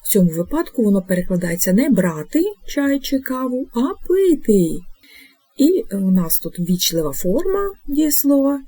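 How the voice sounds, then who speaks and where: A woman teaching an Italian lesson, explaining patiently and repeating each form slowly. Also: a little high, big pitch swings, dark tone, breathy edge. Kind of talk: instructional video lesson.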